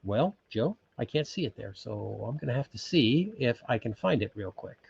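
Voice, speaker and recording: Reading viewer comments live from his off-grid cabin, a Californian in his sixties chats loosely, full of ums and restarts. He's animated at a moderate pace, his medium-pitched voice a little mellow with vocal fry and a breathy edge. Sound quality is lo-fi.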